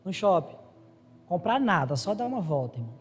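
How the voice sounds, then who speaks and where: A man's voice: sits high, very animated, fairly quick, slight background noise. A man preaching a sermon to his congregation, telling stories and calling the listeners "brother" and "dear", then building to raised, urgent appeals. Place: church hall. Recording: live church recording with long reverb and faint music.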